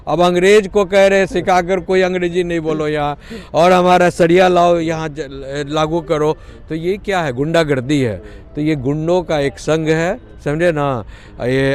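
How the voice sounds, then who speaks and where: A man giving an emphatic, lecturing street interview, mixing in English phrases. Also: a little high.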